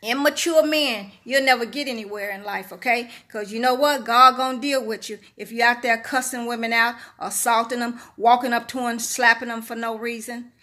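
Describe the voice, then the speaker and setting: A middle-aged woman talks straight to her viewers in a bright, piercing voice. She preaches and repeats her points over and over. Her pitch sits high and sharp. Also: fairly even intonation, normal speed, hardly any pauses. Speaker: vlogger. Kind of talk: casual monologue to camera.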